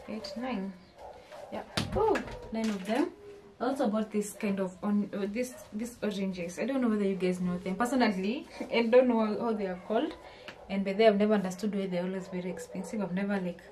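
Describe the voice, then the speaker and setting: A young Kenyan-accented woman vlogs a casual haul from a small home kitchen, holding the camera at arm's length, asking her viewers questions and often restarting phrases. Her voice is mid-range, and the background is noisy.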